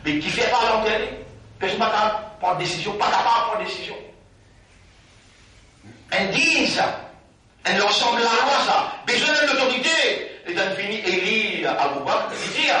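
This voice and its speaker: A man preaching a Ramadan sermon, swinging between loud declarations and quiet asides, recorded from far off in an echoing hall. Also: extremely high pitch, expressive, moderate pace.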